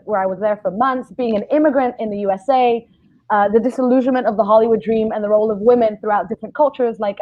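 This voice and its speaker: A woman in her thirties, born in Israel and raised in London, eagerly pitching her memoir over a video call. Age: 30s. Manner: eager, talkative, lively storytelling. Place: home room, seated in a chair. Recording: dull lo-fi video call audio.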